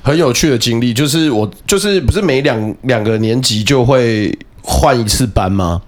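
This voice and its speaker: A man telling a childhood story as a podcast guest, animated, with quick repeated words and restarts. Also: mid-range voice. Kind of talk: casual storytelling chat.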